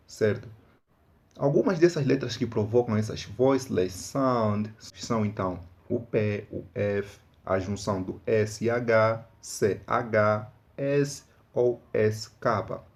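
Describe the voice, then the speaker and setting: A man teaching an online English lesson, patiently repeating each word slowly for practice. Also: medium pitch, gravelly, a little mellow.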